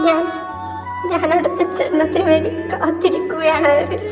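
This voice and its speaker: A woman's voice: very high voice, level tone, moderate pace. A woman voicing a heartbroken young woman who pleads tearfully as her lover leaves. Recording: echoey room with long reverb, music behind.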